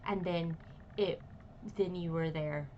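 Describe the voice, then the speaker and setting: A woman's voice: lowish voice, steady tone, slow pace, darkish tone, dull audio, slight background noise, voice pushed down. A woman voicing a startled male gate guard who stammers and hesitates. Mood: flustered.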